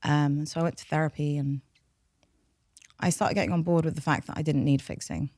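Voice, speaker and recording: Deep and a little mellow, this woman's voice moves slightly fast with fairly even intonation over clean studio sound with no room noise. She's a behaviour change specialist from North London, a native Farsi speaker with a London accent, talking openly and reflectively about herself as a podcast guest.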